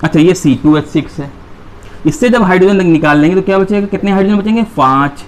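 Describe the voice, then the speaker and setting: A man's voice: sits high, quick pace, slight background noise. A man teaching a chemistry class, who keeps asking his students questions and then answering them himself. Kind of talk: classroom lecture.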